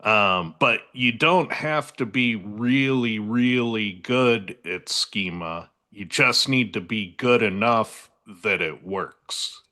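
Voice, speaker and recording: A man with a low voice and a bright, forceful edge talks slowly through a casual panel discussion. He circles and restarts his sentences as he works out each point. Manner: unhurried, with many restarts. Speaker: SEO panelist.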